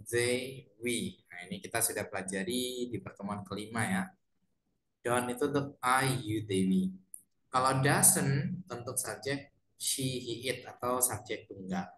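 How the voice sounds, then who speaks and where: A man's voice: mid-range voice, fairly bright tone. Guy teaching english on a video call, says each line in english then translates it, sounds echoey. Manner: explains English sentence patterns, translating each into Indonesian; asks learners for questions in a friendly way. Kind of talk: online English lesson.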